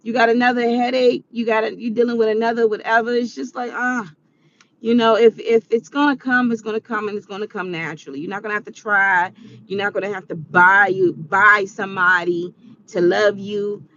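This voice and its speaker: Woman, 40s, vlogger; earnest and preachy, medium pitch, muffled lo-fi sound. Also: level tone, a little fast, fairly bright tone, slight background noise. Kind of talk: casual advice monologue.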